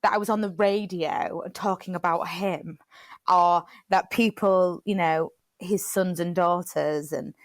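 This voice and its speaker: A woman's voice: on the low side, fairly even intonation, a little slow, dry recording. A young woman, a playwright chatting casually in an interview, rambling with lots of fillers and restarts. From Britain. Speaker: playwright and theatre director. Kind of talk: casual chat.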